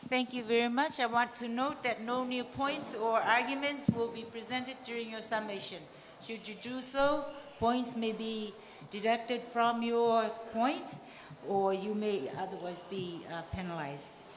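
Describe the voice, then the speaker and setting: A woman's voice: fairly high pitch, measured pace. A woman chairing a debate with formal announcements. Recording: echoey hall with faint background noise.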